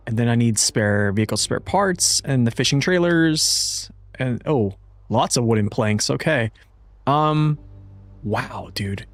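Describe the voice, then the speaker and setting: A man's voice: mid-range voice, no room sound. A man chatting casually on a gaming livestream, laid-back, his speech slightly slurred from a mouth numbed at the dentist. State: numb-mouthed after dental work, slightly slurred. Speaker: video game live streamer.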